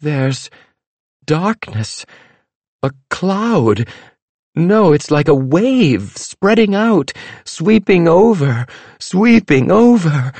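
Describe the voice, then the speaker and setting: A man voicing a female fortune teller in a prophetic trance, chanting in a high, drawn-out, wailing voice. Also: sing-song, darkish tone, dry recording, heavily acted. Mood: entranced.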